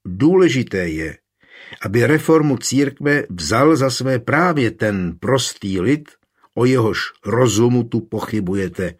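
A man's voice: mid-range voice, lively intonation, slightly rough. A man as a stern one-eyed warlord. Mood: forceful. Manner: forceful, agitated.

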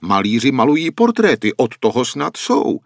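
A shrill, scolding old aunt who snaps at everyone, put on by a male storyteller. Her voice leaps sharply upward as she scoffs, in a dry, close audiobook sound. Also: sing-song, creaky, dry recording. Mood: scornful. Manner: scornful, snapping.

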